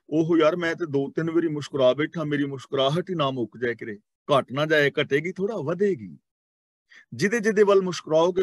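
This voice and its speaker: A man with a Punjabi accent delivers a scripture sermon in a fairly high voice. He chants each verse slowly, then explains it plainly, mixing in English words. The sound is dry and close to the mic. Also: no room sound. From Punjab, India. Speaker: Sikh scripture preacher. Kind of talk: gurbani katha sermon.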